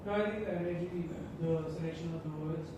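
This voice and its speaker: A polite male attendee offers measured, tactful feedback in a group session. His voice is slightly high, picked up from far off in a strongly reverberant room with noise behind it. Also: fairly even intonation. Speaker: training attendee giving feedback. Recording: echoey room, distant mic, background noise.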